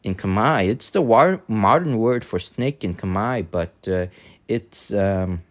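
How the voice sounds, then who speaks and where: A man whose first language is Vietnamese, and who has a Vietnamese accent, chats casually on a live stream while working, thinking aloud with many fillers and restarts. His voice is lowish, animated, and slow.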